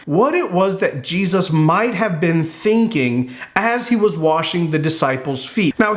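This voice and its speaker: Man, middle-aged, Bible study teacher, playful, self-mocking, somewhat high voice. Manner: playful, jokes at his own expense. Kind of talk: video Bible lesson to camera.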